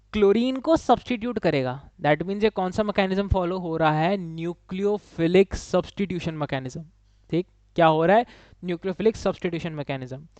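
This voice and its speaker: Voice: mid-range voice, darkish tone, no room sound. A chemistry teacher giving an exam-prep lecture, who answers their own questions and keeps checking in with the class. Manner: asks students questions and answers them itself, ends nearly every line with "ठीक है?"; mixes English phrases into Hindi. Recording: dull, dry lo-fi recording.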